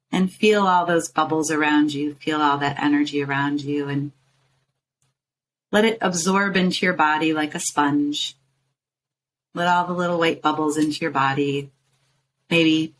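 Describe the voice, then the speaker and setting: This low-quality recording features a meditation guide and show host, a woman with a low-pitched voice. She leads the listener gently, in short soothing phrases separated by pauses, over some ambient background noise.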